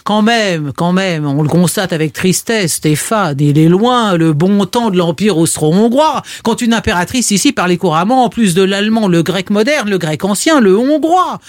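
A man telling history anecdotes on a radio talk show, animated and playful. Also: sits high, normal speed, few pauses, no room sound. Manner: animated storyteller, playful asides. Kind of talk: lively radio chat with anecdotes.

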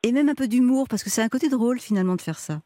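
A woman hosting a radio call-in show, calmly and patiently explaining her advice to a caller. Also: on the high side, very fast, no room sound.

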